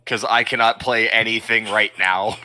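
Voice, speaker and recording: A man with a very sharp, bright, lowish voice banters at a gaming table. He is blunt and sardonic and swears freely, over some background noise and clicks. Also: steady tone, normal speed. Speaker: player in a tabletop role-playing game. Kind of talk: casual banter at a gaming session.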